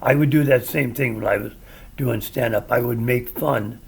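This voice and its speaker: A man's voice: medium pitch, moderate pace, creaky, breathy edge. An older man with a Midwestern accent, chatting casually and telling stories with wry opinions. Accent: American Midwestern. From American Midwest. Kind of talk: casual chat.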